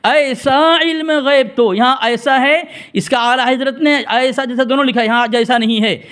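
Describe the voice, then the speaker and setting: A man with a strikingly high voice argues hard in a religious debate. He shouts down interruptions, keeps turning to the listeners, and reads quoted passages slowly and deliberately. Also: steady tone, smooth. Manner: combative, talks over interruptions, addresses listeners directly.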